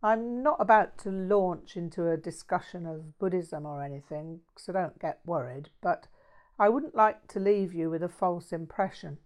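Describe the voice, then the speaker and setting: A woman's voice: on the low side, normal speed, a little mellow, natural voice. A woman voicing a mild, erudite, earnest Buddhist man in an audiobook story, speaking in a precise, bookish way.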